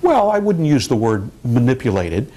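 An older man, a marketing professor, explaining calmly in a news interview in his office. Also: mid-range voice, a little hiss or hum, poor audio. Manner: measured, explanatory, with fillers and restarts. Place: office, indoors.

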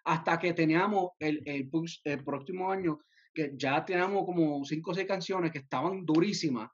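Young male guest, slightly high and husky, dull lo-fi call audio, mixes in English phrases. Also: moderate pace. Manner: mixes English phrases into Spanish, many restarts. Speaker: music producer guest. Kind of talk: casual interview over video call. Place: home room, indoors. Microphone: headset on a video call.

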